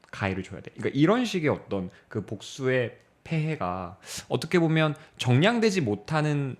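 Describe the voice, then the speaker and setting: A young man co-hosting a talk podcast, reasoning aloud in a measured, reflective way. He pauses often to find words, and his pitch moves a lot as he makes his points. His voice sits in an ordinary middle register. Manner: thoughtful, measured, pauses with filler sounds. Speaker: podcast co-host. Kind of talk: casual discussion of literature.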